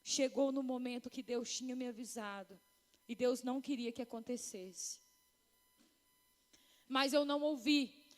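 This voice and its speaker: High-voiced woman giving church testimony. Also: unhurried, long pauses. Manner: heartfelt, addresses the congregation as brothers. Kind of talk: emotional personal testimony. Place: church hall. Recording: long reverb of a church hall.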